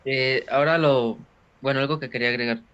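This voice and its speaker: A man's voice: medium pitch, fairly even intonation, a little fast, fairly bright tone, a little hiss or hum. Hesitant male student on a video call. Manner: hesitant, many fillers. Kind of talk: asking questions in class. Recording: dull lo-fi video call audio.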